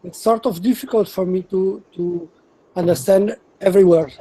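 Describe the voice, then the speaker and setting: A man's voice: high voice, fairly even intonation, moderate pace, dark tone, poor audio. Hesitant man with an Italian accent. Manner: hesitant, many fillers and restarts. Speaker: workshop participant. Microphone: video call.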